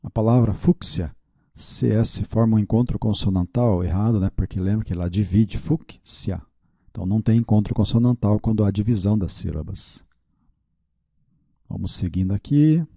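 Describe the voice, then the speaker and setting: A man's voice: fairly low pitch, moderate pace, gravelly, warm tone, no echo, studio quality. A man teaching a video lesson with a Brazilian Portuguese accent, working through quiz questions aloud, checking his answers and admitting his mistakes.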